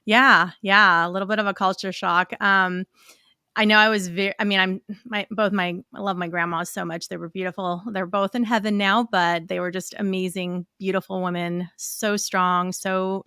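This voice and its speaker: A woman's voice: on the low side, gravelly, bright, forceful tone, clean tone, no room sound, clean studio sound. A woman from Chile whose first language is Spanish, chatting openly as a guest on a live stream and laughing easily. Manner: friendly, open, laughs easily. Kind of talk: casual interview chat. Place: live stream video call.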